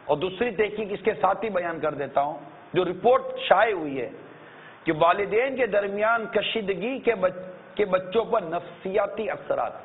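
A man preaching a sermon, animated and earnest, acting out shouting parents and pleading with his listeners. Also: sits high. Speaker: religious preacher. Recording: tinny narrow-band lecture recording.

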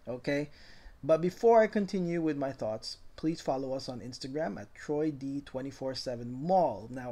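A man's voice: mid-range voice, a little mellow. A middle-aged man, a sneaker reseller, giving casual voice-over commentary in a rambling, enthusiastic way with many fillers. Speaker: sneaker reseller and channel host.

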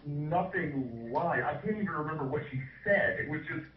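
Joking man with a lively voice. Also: a little high, moderate pace. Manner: laughing, joking asides. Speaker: co-reviewer. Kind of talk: casual group film review. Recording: roomy, distant, dull sound, faint hum.

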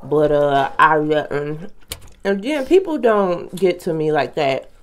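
A woman's voice: sits low, animated, slow pace. A young woman vlogging at home while eating, talking to her viewers in a laid-back, chatty way. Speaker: mukbang vlogger. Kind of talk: casual chat while eating. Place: at home with family nearby.

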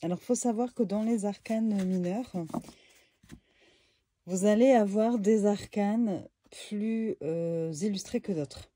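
A woman casually reviewing a tarot deck for her viewers in a room at home, relaxed and chatty, with lots of fillers and small asides. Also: medium pitch, takes it slowly, dry recording.

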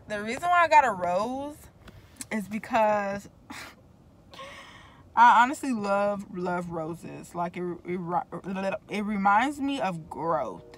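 A woman's voice: medium pitch, sing-song, slow pace, long pauses, a bit bright, slight background noise. A young woman with braces chatting casually to the camera in a car, rambling and slangy, often interrupting herself. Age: young adult. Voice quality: talking with braces. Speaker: vlogger. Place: inside a parked car.

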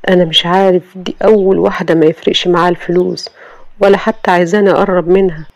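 A woman's voice: on the low side, steady tone, racing, dry recording, lo-fi sound, lightly acted. A woman with an Egyptian accent voicing a harsh, proud rich young man who talks in a brusque, commanding way in a romance story.

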